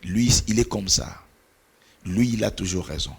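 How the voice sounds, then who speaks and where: This middle-aged pastor and mentor, a native Portuguese speaker, gives a church talk on mentoring in an earnest preaching cadence, occasionally searching for words. His low voice is unhurried, creaky and slightly rough.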